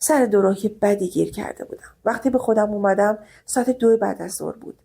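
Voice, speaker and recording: A woman's voice: medium pitch, creaky, mellow, husky. A woman narrating a first-person audio story in an emotional, intimate way.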